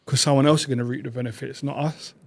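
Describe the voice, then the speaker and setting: A man with a mid-range voice, appearing as a podcast guest, shares reflective stories about his past in a conversational way. He tells them in quick, animated bursts.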